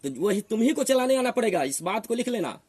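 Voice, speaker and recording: Very high and swinging widely in pitch, this man's somewhat mellow voice moves fairly quickly. He has a Bihari accent and argues heatedly in a preacher's style, assertive, admonishing and full of rhetorical questions.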